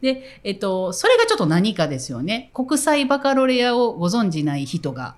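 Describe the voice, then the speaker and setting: Lively Kansai woman telling stories. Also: a little high, fairly quick. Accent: Kansai Japanese. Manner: lively storyteller, laughs often. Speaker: podcast co-host, school director. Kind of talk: casual chat.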